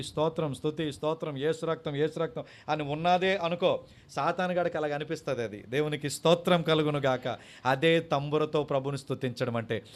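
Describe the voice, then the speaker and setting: Pastor, man, storytelling sermon with sung lines, slightly high voice. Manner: storytelling preacher, mixes in sung lines and English words.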